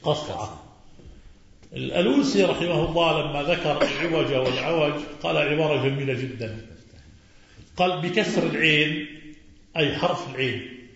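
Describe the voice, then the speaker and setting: A man's voice: fairly high pitch, brisk. A man teaching a religious lesson as an Islamic scholar. He answers questions, quizzes his listeners and repeats key words. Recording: very echoey, muffled recording.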